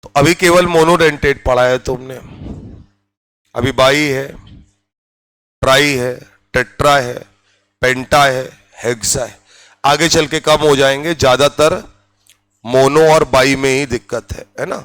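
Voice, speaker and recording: A man's voice: medium pitch, steady tone, unhurried, pauses often, fairly bright tone, rough recording. A man teaching a chemistry class in Hindi, drilling students with repeated check-in questions and spelling out each term. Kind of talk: classroom lecture.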